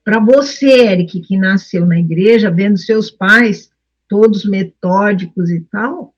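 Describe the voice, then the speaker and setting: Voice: mid-range voice, takes it slowly. Earnest study group member, mid-range voice, muffled lo-fi sound. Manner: earnest, personal, addresses others by name. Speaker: Bible study participant. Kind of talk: reflective conversation in a study group.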